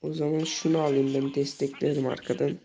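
Young guy narrating his game, gets worked up and shouts at it, game music in the back. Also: a little high, a little fast, gravelly. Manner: excitable, frequently exasperated outbursts. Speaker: gaming channel host. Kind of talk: live gameplay commentary.

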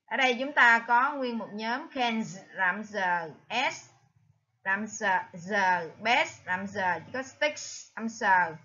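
A woman teacher with a Vietnamese accent, slowly reviewing exam answers and reading each word aloud. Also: mid-range voice, expressive, sharp tone, dull audio. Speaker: English teacher.

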